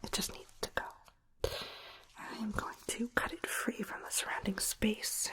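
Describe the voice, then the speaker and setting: A woman doing an ASMR whispered role-play in a soothing, unhurried, breathy whisper, murmuring close to the microphone. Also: medium pitch, steady tone, fairly bright tone. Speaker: ASMR performer. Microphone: close ear-to-ear stereo microphone.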